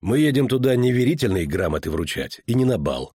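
A man voicing a grim, weary male witcher in an audiobook, speaking curtly with a husky voice. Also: medium pitch, big pitch swings, a little fast, a little mellow, no echo, clean studio sound. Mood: terse. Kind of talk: audiobook character reading.

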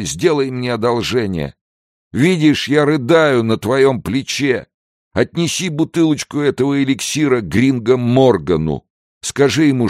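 A man's voice: medium pitch, darkish tone, dry recording, clean studio sound, voice pushed up, natural voice. A man voicing a drunken, sentimental prison chief who talks in a maudlin, tearful, slurred way. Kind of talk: audiobook character voice.

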